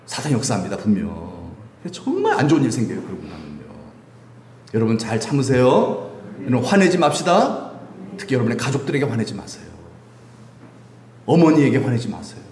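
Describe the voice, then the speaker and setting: A middle-aged male pastor preaching a sermon in a church, lively and humorous, often asking the congregation questions. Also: mid-range voice, fairly quick, slight background noise. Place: church sanctuary. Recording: echoey room, faint ambience.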